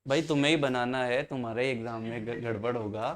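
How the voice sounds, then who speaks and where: A man's voice: medium pitch, brisk. A man teaching an engineering class, explaining circuits step by step and quizzing his students as he goes. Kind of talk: classroom lecture.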